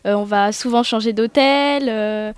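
A young woman high school student being interviewed on radio, speaking hesitantly with fillers. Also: unhurried, clear, resonant tone, no echo.

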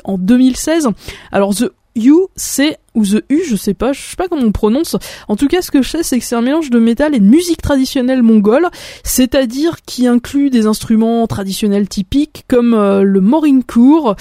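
A woman's voice: fairly high pitch, dark tone, no echo, clean studio sound. A woman hosting a radio music show, chatting about new albums with frequent hesitations. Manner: chatty, hesitant with many fillers. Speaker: radio host. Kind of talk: casual radio music presentation.

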